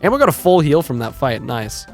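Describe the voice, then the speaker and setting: A gaming YouTuber, a man, giving chatty, excitable let's-play commentary. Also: fairly high pitch, brisk, faint music behind. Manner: excitable, chatty, laughs often.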